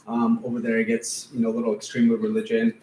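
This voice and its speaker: A man's voice: mid-range voice, completely flat delivery, fast, mellow. A middle-aged father from Afghanistan giving informal, hesitant public comment at a school board meeting, full of ums. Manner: informal, hesitant, lots of fillers. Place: large meeting room. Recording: echoey room, faint noise.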